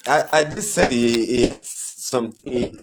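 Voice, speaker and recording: A man calling in from work over a breaking-up connection. He talks in a halting way and repeats his words. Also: medium pitch, steady tone, slight background noise. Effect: choppy call line breaking up. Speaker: caller joining a live stream from work. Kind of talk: casual chat.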